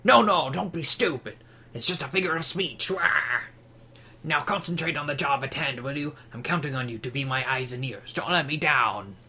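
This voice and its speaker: A man's voice: on the high side, normal speed, pushed and bright, husky, exaggerated voice. A man putting on a sly nasal crook. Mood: scheming. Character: scheming, nasal adult male crook.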